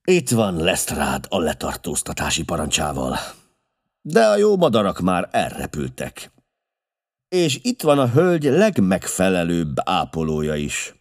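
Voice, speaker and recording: A man voicing a restless, brilliant male detective who barks urgent orders, pitched higher and louder than his own reading voice. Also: very animated, dry recording, studio quality, heavily acted. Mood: dry, brisk.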